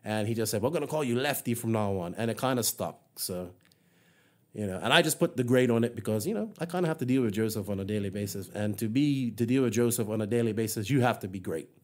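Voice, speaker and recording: A fairly low, slightly mellow male voice moves at a quick pace. The man, a Bermudian podcast host, rambles amiably through a casual solo episode about his hobby, often restarting and filling pauses.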